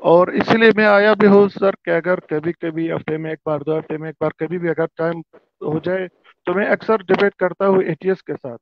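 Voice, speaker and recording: A man calling in to a religious stream, hesitant and halting, with many pauses. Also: high voice, steady tone, dry recording, lo-fi sound. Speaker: caller.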